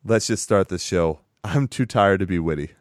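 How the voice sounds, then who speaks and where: A man's voice: low voice, moderate pace, no echo. Congested man hosting a podcast. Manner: dry, self-mocking humor. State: congested from sinus trouble. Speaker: podcast host. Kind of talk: casual podcast chat.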